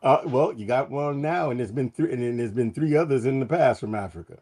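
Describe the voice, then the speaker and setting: A man explaining things casually as a panelist, in a halting way, stammering and repeating words. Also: medium pitch, darkish tone.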